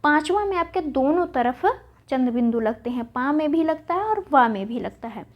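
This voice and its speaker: A woman's voice: high voice, lively intonation, moderate pace. A woman teaching spelling for an exam, reading out word pairs and answering her own questions. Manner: recites word pairs, asks and answers herself. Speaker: Hindi exam-prep teacher. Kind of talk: online lesson, spelling drill. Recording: dull lo-fi audio.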